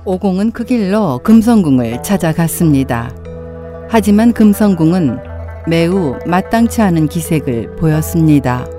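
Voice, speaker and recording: Mellow storyteller narrating an audio drama. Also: mid-range voice, animated, normal speed, soft background music.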